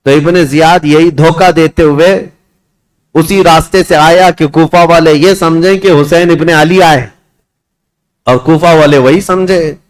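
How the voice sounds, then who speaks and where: A man's voice: fairly even intonation, a little slow. A man preaching a sermon, telling a story with passion and calling his listeners his dear ones. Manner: impassioned storytelling, rising pitch at climaxes. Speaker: Islamic preacher.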